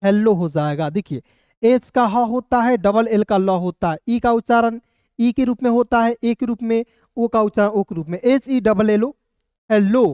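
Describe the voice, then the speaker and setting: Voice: medium pitch, moderate pace, darkish tone, clear, resonant tone, no room sound, studio quality. A teacher giving an online English reading lesson, spelling words letter by letter and patiently quizzing the viewers. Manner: patient, repetitive, addresses viewers as friends. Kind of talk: Hindi-language English phonics lesson.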